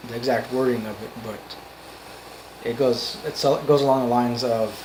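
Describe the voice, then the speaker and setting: A man giving an off-the-cuff motivational monologue, earnest and emphatic, in halting phrases that repeat for emphasis. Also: medium pitch, steady tone, noisy background. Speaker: amateur motivational speaker.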